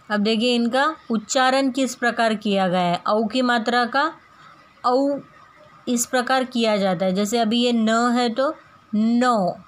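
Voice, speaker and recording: Slow-paced woman teaching phonics. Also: on the high side, fairly bright tone. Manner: repeats and stretches words to model pronunciation. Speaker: primary school teacher. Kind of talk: slow, careful phonics lesson.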